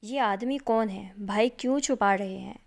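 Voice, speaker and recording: A woman's voice: mid-range voice, creaky, natural voice. A woman voicing a frightened young woman. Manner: trembling.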